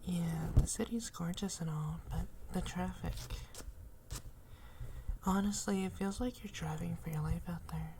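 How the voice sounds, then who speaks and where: A woman plays a gently teasing young woman in an ASMR role-play in the ear cleaning ASMR style. Her soft, breathy soft voice sits low for a woman and moves very slowly. She chats in a caring, unhurried way. Clear background noise runs through the recording. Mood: relaxed chatting.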